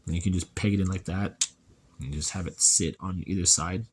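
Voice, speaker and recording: A man casually reviewing a toy, chatty and relaxed, thinking aloud as he handles it. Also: deep voice, fairly quick, a little hiss or hum.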